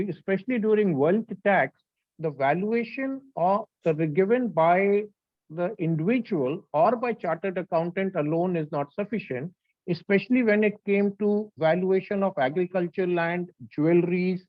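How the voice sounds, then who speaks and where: A man's voice: high voice, highs cut off. A man with a North Indian accent giving an explanatory lecture, speaking insistently and repeating his phrases. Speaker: lecturer, registered valuer. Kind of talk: explanatory lecture with audience questions.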